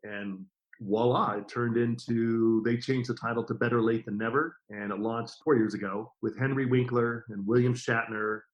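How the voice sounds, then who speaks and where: A middle-aged man, a guest on a podcast, telling stories about his career in a casual, lively way and acting out the quotes. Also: mid-range voice, normal speed, dull audio. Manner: lively anecdotes with acted-out quotes. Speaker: podcast guest, TV formats distributor. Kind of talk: casual interview storytelling.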